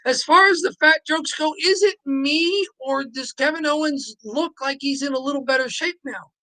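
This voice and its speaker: A man co-hosting a wrestling recap show, chatting casually with quick wisecracks and short agreements. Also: very high-pitched, bright, forceful tone, poor audio. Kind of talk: casual podcast chat.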